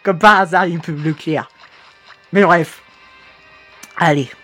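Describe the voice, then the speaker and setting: A young man reacting to a monster animation as a YouTuber, excitable and bursting into shouts and slang. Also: a little high, a little slow, soft background music.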